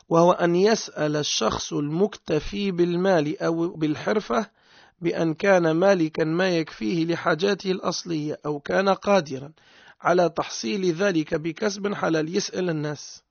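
A man's voice: high voice, normal speed, vocal fry, dry recording, lo-fi sound. A man with a Tunisian accent giving a religious lesson, explaining points by asking and answering his own questions. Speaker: religious teacher.

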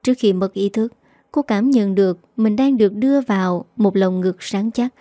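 A woman narrating a romance story in a calm, steady reading voice. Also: medium pitch, moderate pace, no room sound, studio quality. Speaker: story reader.

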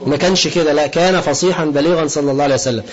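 A man's voice: on the high side, rapid-fire. A man with an Egyptian Arabic accent giving a colloquial religious lesson, often asking the audience a question and answering it himself. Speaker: preacher. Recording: dull lo-fi lecture recording.

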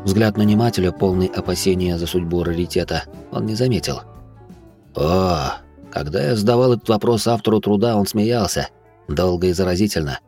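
A man narrating an audiobook in an even, steady storytelling manner. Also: sits low, normal speed, faint music behind. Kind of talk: scripted narration.

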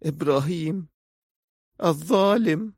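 A woman's voice: on the low side, fast talker, warm tone, no room sound, voice pushed up, close to an everyday voice. A man voicing an injured young woman who whispers faintly in pain, close to fainting.

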